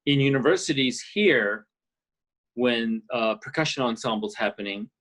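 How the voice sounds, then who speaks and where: Chatting as a guest on a video call, the middle-aged orchestral percussionist from Canada speaks from indoors at a ski and golf resort. His voice is medium-pitched and a bit bright, at a moderate pace. His answers are reflective, full of fillers and false starts.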